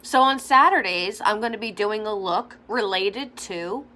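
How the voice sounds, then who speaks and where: With a mid-range voice that is bright and forceful, this unhurried young woman is a makeup vlogger giving chatty, opinionated commentary as she puts on her makeup. "Like" pops up often in her talk. The recording has faint background noise.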